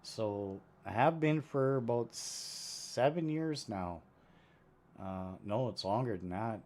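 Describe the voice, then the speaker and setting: A man missing his two front teeth, chatting casually and matter-of-factly in a rambling way as he live-streams a video game. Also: medium pitch. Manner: rambling, unhurried, matter-of-fact. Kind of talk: casual live-stream chat while gaming. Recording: steady background noise.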